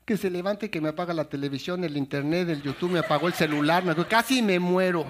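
A man's voice: high voice, fast talker, background noise. A man doing a stand-up comedy routine on stage, telling stories animatedly and acting out the characters' lines. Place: stage before a laughing audience.

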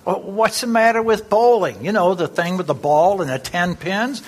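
A man's voice: sits high, expressive, normal speed, breathy edge. A man playing a blustery, bossy grandfather in an amateur church skit. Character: gruff grandfather who wants to go bowling.

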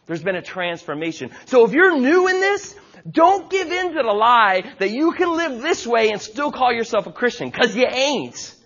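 A man's voice: extremely high pitch, big pitch swings, moderate pace, fairly bright tone, muffled recording. A man in his forties preaching a sermon from a church stage, emphatic and folksy with joking asides. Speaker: pastor.

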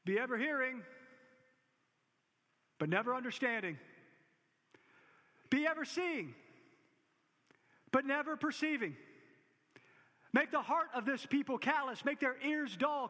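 Man reading as God, stern and commanding, raised bright voice, reverberant hall. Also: very high-pitched, animated, a little slow, long pauses, exaggerated voice. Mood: solemn. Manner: raised, solemn proclamation.

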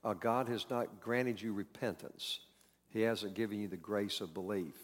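A man's voice: lowish voice, fairly even intonation, moderate pace, long reverb tail. A man preaching a sermon in a conversational way, acting out quoted lines and repeating key words. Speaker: pastor.

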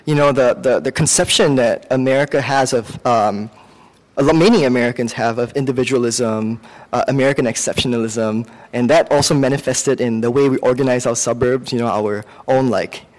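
The recording, washed in long hall reverb, captures a Singaporean man preaching with his native accent at a medium pitch. He talks conversationally, stumbling a bit and correcting himself, and drops in personal anecdotes.

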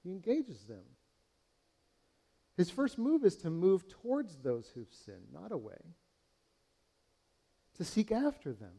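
A male pastor delivers a sermon in an earnest, questioning manner. His voice sits slightly high for a man yet sounds mellow and warm. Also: sing-song, slow pace, vocal fry, pauses often. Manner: earnest, questioning, speaks to the congregation as friends.

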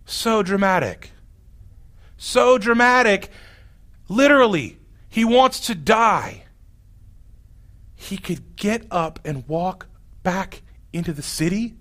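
A man's voice: high voice, lively intonation, takes it slowly, long pauses, fairly bright tone. A man preaching a sermon, telling a scripture story in a wry, exasperated way. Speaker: pastor.

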